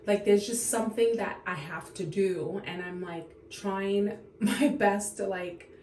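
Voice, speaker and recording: A woman's voice: mid-range voice, a little mellow, roomy sound, slight background noise. Tearful woman in her thirties, sighing. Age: 30s. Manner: tearful, halting, full of fillers and sighs. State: on the verge of tears. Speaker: vlogger. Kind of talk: unscripted emotional confession to camera.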